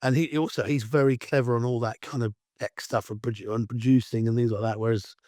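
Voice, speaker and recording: Croaky middle-aged man with an Essex accent. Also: medium pitch, steady tone, fast, no room sound, clean studio sound. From Essex, England. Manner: rambling, chatty, self-styled loudmouth. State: croaky, allergy-hoarse voice. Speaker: guest. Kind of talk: casual interview chat.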